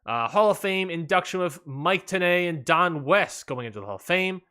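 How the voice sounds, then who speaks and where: Speaking at a moderate pace, the man recapping wrestling matches on his podcast has a high-pitched, animated voice with a sharp, clean tone. He gets excited and wanders, often using fillers and starting over.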